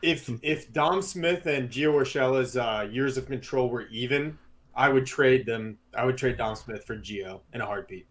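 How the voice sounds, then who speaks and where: A man in a casual fantasy draft stream, talking through trades in a measured way. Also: medium pitch, a bit bright. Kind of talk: casual group chat.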